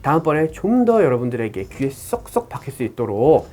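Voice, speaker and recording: A woman plastic surgeon explaining procedures in an informational clinic video, talking rapidly and animatedly. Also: a bass voice, sing-song, warm tone.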